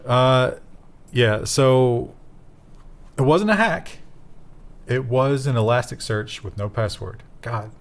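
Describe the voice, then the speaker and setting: A man's voice: mid-range voice, slow pace, long pauses. A man co-hosting a casual tech news chat, making wry, joking asides. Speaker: co-host.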